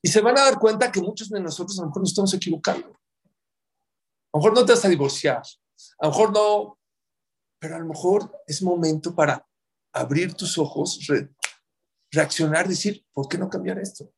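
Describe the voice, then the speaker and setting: The marriage advisor talks at a moderate pace with frequent pauses and a slightly rough voice. Before his audience he is emphatic, enumerates his points, and voices quotes in sudden high bursts, in keeping with his role as a religious counselor.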